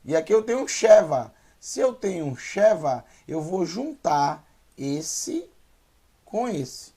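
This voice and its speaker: A man teaching a Hebrew reading lesson, patiently sounding out syllables and repeating words slowly. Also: a little high, sing-song, mellow, husky. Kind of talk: online language lesson.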